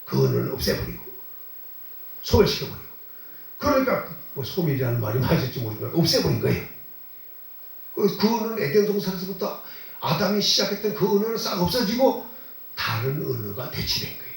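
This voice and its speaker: A man's voice: on the high side, wildly swooping pitch, fairly quick, creaky, pauses often. Man preaching in a very echoey hall. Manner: conversational preaching with rhetorical questions; repeats phrases for emphasis. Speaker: pastor. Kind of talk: sermon. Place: church sanctuary. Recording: very echoey and distant from the mic.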